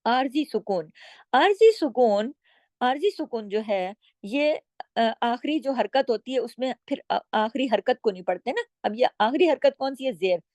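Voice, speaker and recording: A woman teaching Quran recitation rules. She explains patiently, stretches each example word out slowly, and often checks in with her listeners. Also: on the high side, a little mellow, no room sound. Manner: draws out words slowly when demonstrating. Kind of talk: recitation lesson with slow demonstrations.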